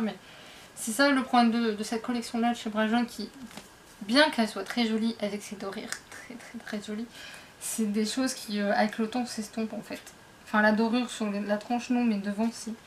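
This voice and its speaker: A young woman with a slightly high voice chats through a book haul in front of her camera at home. She rambles, stumbles and corrects herself as she goes, with a faint hiss of room noise behind her. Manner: rambling, self-interrupting, chatty. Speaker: book vlogger. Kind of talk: casual book haul vlog. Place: indoors at home, dim light. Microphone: camera facing her.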